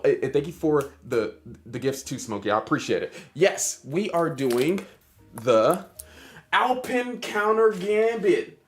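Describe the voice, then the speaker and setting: This is a man, hosting a casual livestream chess lesson. He jokes with his chat and sounds hyper, and his pitch swings widely from line to line. Faint music plays behind him. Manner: animated, joking with chat, hyper. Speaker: chess streamer and teacher.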